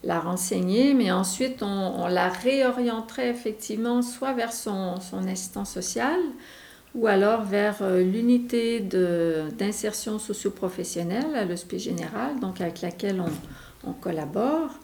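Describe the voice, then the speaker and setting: A woman's voice: mid-range voice, a little slow, creaky, darkish tone. A middle-aged woman from Quebec with a Québécois accent, explaining her work as a guest in a radio interview, hesitant with many fillers and restarts. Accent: Québécois French. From Quebec, Canada. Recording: echoey room.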